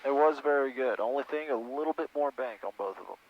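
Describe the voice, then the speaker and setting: Over an aviation headset intercom in a small airplane cockpit, a flight instructor coaches casually and encouragingly. His mid-range voice comes fast, muffled by the intercom over engine noise.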